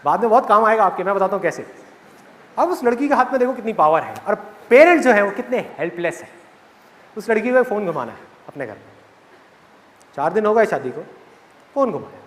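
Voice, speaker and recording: Animated man joking with a live audience. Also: extremely high pitch. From India. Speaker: motivational speaker. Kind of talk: live motivational talk. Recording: reverberant hall with audience.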